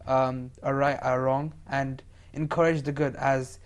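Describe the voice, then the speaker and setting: A man's voice: mid-range voice, little pitch movement, measured pace, smooth. A seventeen-year-old boy from India, speaking as a talk show guest, with frequent fillers. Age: teen. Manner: hesitant, many fillers. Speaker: young guest.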